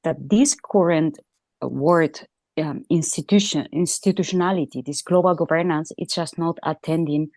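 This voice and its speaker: A woman journalist from Chile offers measured commentary on a remote panel, sometimes pausing to find her words. Her voice sits fairly low and sounds dry. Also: darkish tone, no echo.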